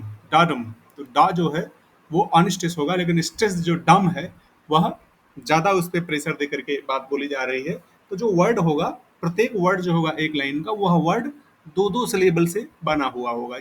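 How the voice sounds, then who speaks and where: A man teaching a recorded lesson, explaining step by step and repeating points, reading definitions aloud slowly. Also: a little high, slight background noise. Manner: explains slowly in Hindi, reads English definitions aloud haltingly with pauses. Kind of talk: recorded lecture.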